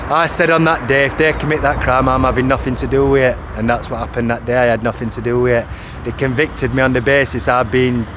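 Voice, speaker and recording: Traffic noise fills the background as a 30-something vlogger speaks to camera outdoors by a street, repetitively restarting and correcting himself with insistence. His mid-range voice is flat, fairly quick, with few pauses.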